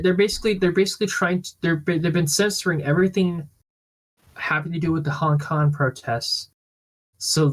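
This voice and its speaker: A man hosting a casual podcast, explaining things in a halting, rambling way. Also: fairly high pitch, rough recording. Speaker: podcast host.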